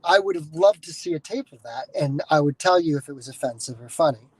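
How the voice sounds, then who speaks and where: A man's voice: a little high, lively intonation, brisk, darkish tone, breathy edge, no room sound, low-quality recording. Guy from the states rambling on his podcast, swears a lot, keeps restarting, dry close sound. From United States. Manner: digressive, swears freely, many restarts. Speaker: podcast host. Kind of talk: casual rambling monologue.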